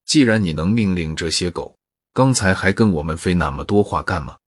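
A cunning, wheedling crook, as a narrator plays him, low-voiced and husky. Recorded dry and close as a storybook reading. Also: male voice, animated, a little fast, no room sound. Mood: bitter. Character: cunning man, pleading then smug.

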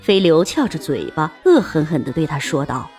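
A woman narrating a historical-fiction audiobook in an expressive storytelling manner. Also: low voice, moderate pace, faint music behind.

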